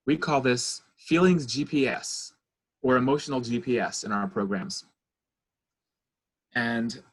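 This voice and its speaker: Leading a parenting webinar by video call, a middle-aged man who works as a child therapist lectures and talks listeners through breathing exercises. His voice is medium in pitch.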